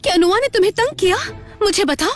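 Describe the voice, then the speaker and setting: A woman's voice: very high-pitched, expressive, fast. A woman voicing a fiery young woman who challenges others indignantly, in a Hindi drama dub. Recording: soft music behind the voice.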